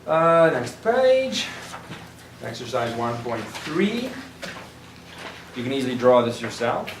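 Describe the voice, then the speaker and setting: A man's voice: mid-range voice, very animated, slow, background noise. A man teaching a math class, explaining reasoning patiently through examples and sometimes trailing off and restarting. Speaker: math instructor. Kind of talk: recorded classroom lecture. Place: classroom or lecture room. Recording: roomy lecture room, distant mic.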